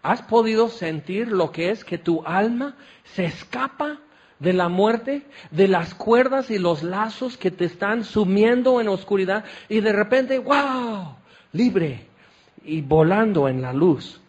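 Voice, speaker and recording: A man's voice: sits high, expressive, slow pace, breathy edge, lo-fi sound. A man preaching a sermon at a tent meeting. He tells the scenes dramatically, acting them out with exclamations.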